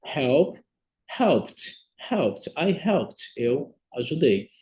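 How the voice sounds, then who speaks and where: A man with a Brazilian Portuguese accent lecturing on English phonetics in an online class, repeating example words slowly and with stress. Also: medium pitch, big pitch swings, slight background noise.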